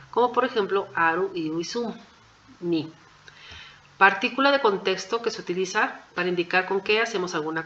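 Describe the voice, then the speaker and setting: A woman's voice: medium pitch, a bit bright, dull audio, a little hiss or hum. A woman teaching a language class, going through exam answers point by point in a patient, methodical way and often checking in with the class.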